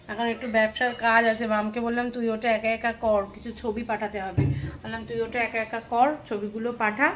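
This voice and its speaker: A woman's voice: on the high side, fairly bright tone. A woman home vlogger chatting casually to viewers while she does housework. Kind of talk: casual vlog narration. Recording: noisy home recording.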